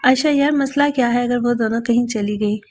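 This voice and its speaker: A man's voice: very high-pitched, normal speed, darkish tone. A woman reading the lines of a dry, teasing older brother in a storybook. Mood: mocking. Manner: mocking, dry.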